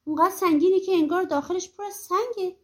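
A sly young peasant, read by a woman, talks in a playful, crafty way. The voice sits high and bright. It comes from a storybook told aloud. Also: lively intonation.

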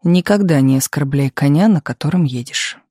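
A man reading an audiobook, voicing a calm, wry male war correspondent in a lower, unhurried voice. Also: no echo, studio quality, natural voice. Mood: laconic. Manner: laconic, unflustered, wry.

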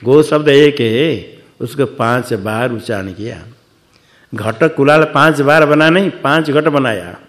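A man's voice: mid-range voice, takes it slowly, a bit bright. A man giving a scripture lecture as a teacher, posing questions and answering them himself, repeating words for emphasis. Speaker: Vedanta teacher.

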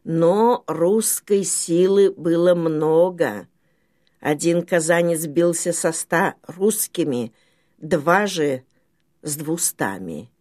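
Low-voiced woman reading an old tale slowly. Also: warm tone. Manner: solemn, measured storytelling. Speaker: audiobook reader. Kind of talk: scripted narration of an old literary tale.

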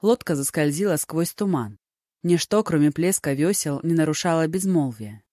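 An audiobook narrator reading a story with a steady, even delivery. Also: mid-range voice, moderate pace, no echo, studio quality. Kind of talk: scripted narration.

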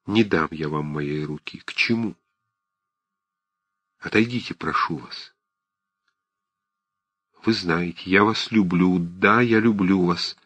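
A gentle young woman speaks quietly and firmly, as read by a man. The voice stays low and slightly husky. It is a plain storybook delivery. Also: slow, pauses often, no room sound, full character voice. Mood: restrained. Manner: quiet, earnest, restrained. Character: pale, tired young woman, gentle and resolute.

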